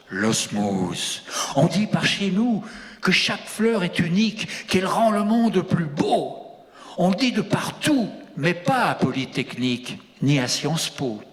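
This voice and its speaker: A man voicing his accentless city-dwelling brother, reciting a poem slowly and solemnly. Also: medium pitch, fairly bright tone, pitched below the performer's own voice. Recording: long hall reverb.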